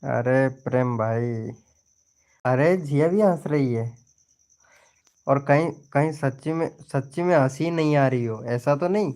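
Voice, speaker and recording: A man's voice: medium pitch, measured pace, long pauses, a little mellow. A young man hosting a casual live stream, chatting and teasing his viewers by name as he shows them his channel.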